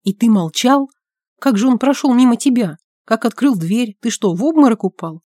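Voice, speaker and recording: Woman voicing a pushy, excitable man firing questions. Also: very high-pitched, no room sound, studio quality, voice pushed up. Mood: agitated. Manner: excited rapid-fire questioning. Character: agitated talkative man, detective's pushy friend.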